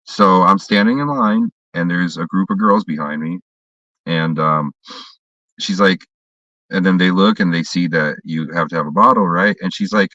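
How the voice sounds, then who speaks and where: A man's voice: low-pitched, lively intonation, normal speed, pushed and bright, no echo. Profane man telling a heated story. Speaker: storyteller in a casual hangout. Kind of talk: casual chat. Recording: dull, distant recording.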